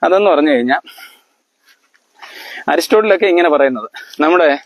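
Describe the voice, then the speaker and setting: On a dry, lo-fi recording, a man with an animated, fairly high voice explains things to his family as though lecturing. He speaks haltingly, with fillers and restarts, and constantly quizzes them to check they understand.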